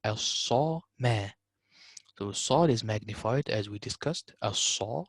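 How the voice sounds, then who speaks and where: A man teaching a tajweed lesson, slowly repeating words to show correct pronunciation. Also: on the low side, expressive, no echo. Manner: explains slowly, repeating words in Arabic recitation. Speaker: Quran recitation teacher.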